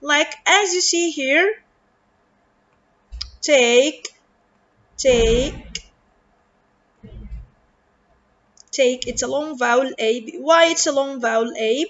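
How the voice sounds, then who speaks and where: A woman with an Arabic accent teaching an English reading lesson, speaking slowly and deliberately and stretching out words for her pupils. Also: sits high, fairly bright tone, muffled recording. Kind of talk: recorded online lesson.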